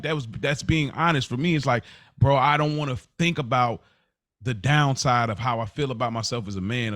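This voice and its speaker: In a relaxed podcast chat, the American host gets animated as he tells stories, acting out what people said and repeating phrases for effect. His voice sits in the mid-range, recorded dry with clean studio sound.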